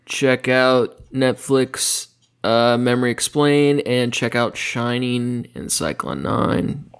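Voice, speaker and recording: A man's voice: medium pitch, slow, clean tone. A man co-hosting a podcast in loose, casual chat, swearing freely and laughing often. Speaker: podcast co-host.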